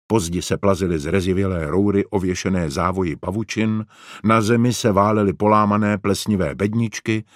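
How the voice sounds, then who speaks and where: Deep-voiced man reading a storybook. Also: dry recording, clean studio sound. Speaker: narrator. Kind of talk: audiobook narration.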